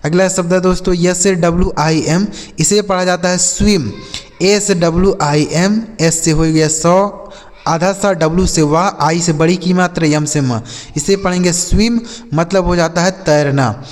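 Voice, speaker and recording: A man teaching English vocabulary, spelling each word letter by letter and repeating example sentences slowly. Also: high voice. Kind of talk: slow spelling and vocabulary lesson. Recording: long hall reverb.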